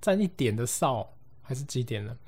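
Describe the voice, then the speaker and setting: A man's voice: mid-range voice, very animated, normal speed, darkish tone. A man with a Taiwanese Mandarin accent hosting a podcast, telling a ghost story casually and acting out the voices of the people in it. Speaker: podcast host.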